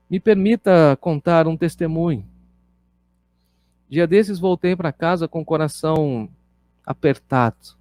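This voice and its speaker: Impassioned high-voiced Brazilian pastor preaching. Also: male voice, darkish tone, no echo. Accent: Brazilian Portuguese. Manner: impassioned preaching with storytelling, repeated rhetorical questions. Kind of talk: sermon.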